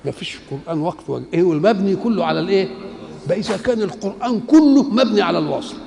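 This older man's high, gravelly, slightly mellow voice carries an Egyptian Arabic accent as he lectures on Quran commentary. He teaches by raising rhetorical questions and then answering them. Slight background noise and faint ambience come from the echoey hall.

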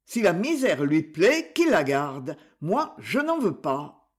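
A man reading aloud voices a timid young husband, earnest and fearful, in a storybook. He speaks slowly and carefully, with a high, lively pitch. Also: slightly rough, full character voice. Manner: earnest, hesitant.

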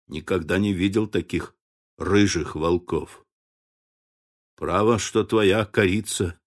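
A man voicing a grim, gruff frontier trapper in a low, hushed voice in an audiobook. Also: takes it slowly. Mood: wry. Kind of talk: audiobook character voice.

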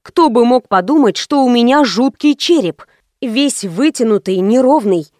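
A woman's voice: a little high, animated, moderate pace, darkish tone, no room sound, clean studio sound. A woman narrating a first-person audiobook in a wry, ironic storytelling manner.

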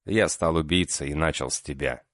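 A man reading an audiobook and voicing a curt, withdrawn young killer in his own very deep voice. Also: a little fast, a bit bright, dry recording, studio quality. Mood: grim. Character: grim young male killer, guilty and terse. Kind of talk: audiobook character voice.

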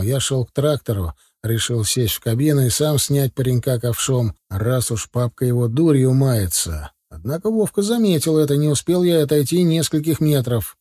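A man narrating a first-person audiobook in a steady, plain storytelling manner. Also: mid-range voice, slightly rough, no echo, clean studio sound.

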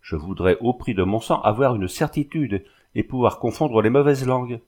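A man's voice: mid-range voice, moderate pace, a little mellow, lightly acted. A man reading the lines of a suspicious young man who pleads and insists with his cousin. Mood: pleading.

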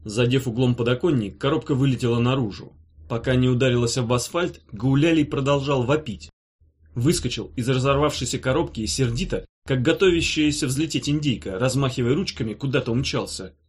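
A man reading an audiobook in a calm, even narration. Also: mid-range voice, breathy edge. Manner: calm, even reading; measured commands as the guardian. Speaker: audiobook reader. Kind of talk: scripted narration.

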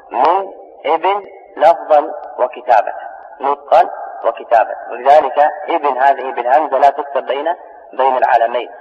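A man teaching a grammar lesson in a methodical way, repeating words and examples slowly to drive each point home. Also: mid-range voice, in a large hall, muffled recording.

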